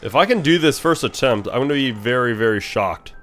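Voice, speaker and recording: Animated young man gaming, lively voice. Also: mid-range voice, brisk, faint music behind. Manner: animated, talks to the game characters, nervous muttering. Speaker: gaming channel host. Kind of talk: horror game let's play commentary.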